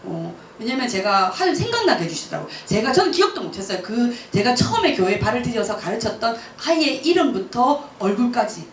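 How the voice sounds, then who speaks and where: Lively woman giving a church testimony. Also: a little high, brisk, few pauses. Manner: lively storytelling, laughs often, acts out her own past words. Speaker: missionary speaker. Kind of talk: church talk, personal testimony. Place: church hall. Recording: roomy church hall, mic from a distance, faint noise.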